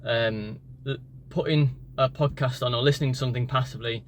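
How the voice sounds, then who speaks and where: Over background noise from the street and passing cars, a man vlogs casually about picking up languages. A native English speaker, he's drained from the gym and wanders with many fillers and restarts, his mid-range voice steady and brisk.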